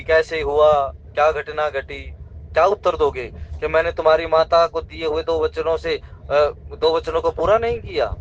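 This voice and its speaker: A man giving a devotional scripture discourse, earnestly explaining and slowly chanting verses. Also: high-pitched, fairly bright tone, a little hiss or hum. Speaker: religious storyteller. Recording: slightly dull lo-fi recording.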